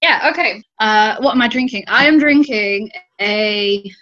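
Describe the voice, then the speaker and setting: A woman with a fairly high voice comes through a dull, lo-fi call line. She jokes about herself, swears casually and keeps laughing as she talks. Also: unhurried, pushed and bright. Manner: self-mocking, joking, laughs often. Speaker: podcast co-host. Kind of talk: casual chat. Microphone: video call.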